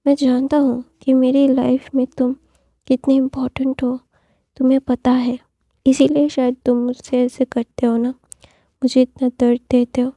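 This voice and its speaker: A woman's voice: high voice, level tone, normal speed, mellow, no room sound, dull audio. A woman voicing a pleading young emperor. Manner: pleading, repeating himself. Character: lovesick young male emperor, tearful and pleading.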